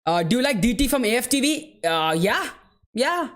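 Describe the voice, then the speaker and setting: A man's voice: extremely high pitch, sing-song, normal speed, a bit bright. Chatty man commenting a football watchalong. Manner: casual, chatty, peppers talk with "bro" and "man"; laughs easily while answering chat. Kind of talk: live match commentary and chat replies.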